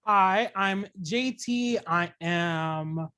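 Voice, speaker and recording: A woman in her thirties from the US introduces herself very slowly. She draws her words out with playful pride. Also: mid-range voice, fairly bright tone. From United States. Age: 30s. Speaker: game player.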